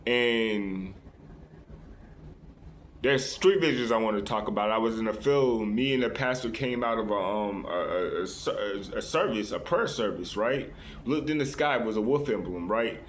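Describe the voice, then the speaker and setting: Speaking in a fairly low voice, a vlogger addresses his viewers directly in a loose, unscripted monologue that feels earnest and confiding. He rambles, restarts often, and keeps tacking "right?" onto his sentences, with slight background noise behind him.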